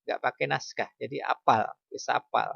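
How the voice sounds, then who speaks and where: Middle-aged male teacher, bright gravelly voice, chatty online lesson with questions to the class, lo-fi call mic. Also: mid-range voice, steady tone, normal speed, dry recording. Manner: chatty, self-correcting, asks questions. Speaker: primary school teacher. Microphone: computer mic on video call.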